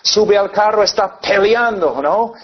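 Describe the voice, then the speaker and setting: A man preaches earnestly, with his voice sitting a little high. He drives his points home by acting out scenes. The sound is dull and lo-fi. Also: a little slow, slight background noise. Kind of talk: sermon. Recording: dull lo-fi recording.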